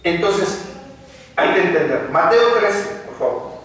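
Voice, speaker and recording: A man's voice: sits high, animated, measured pace, a bit bright. A man preaching a sermon to a congregation, often putting rhetorical questions to them. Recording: echoey hall, mic far off.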